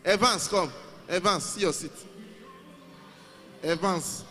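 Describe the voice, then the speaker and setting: A man's voice: high voice, slow, bright, forceful tone, soft background music. A man hosting a live youth event in a large hall, coaxing and calling out to the crowd. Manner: coaxing, calls out to the crowd, repeats himself.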